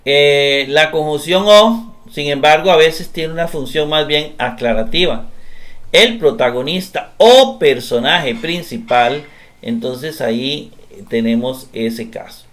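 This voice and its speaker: A man giving a recorded grammar class, explaining step by step, often pausing with "eh" and checking in with "¿verdad?". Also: on the high side, animated, a bit bright. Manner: explanatory, repeats tag question "¿verdad?", frequent hesitations. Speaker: grammar teacher.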